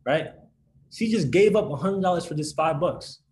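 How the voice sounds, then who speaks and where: A man's voice: on the high side, expressive, moderate pace, a little mellow, low-quality recording. A man teaching a Bible lesson to a group in a casual way, often checking in with his listeners. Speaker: youth Bible study leader.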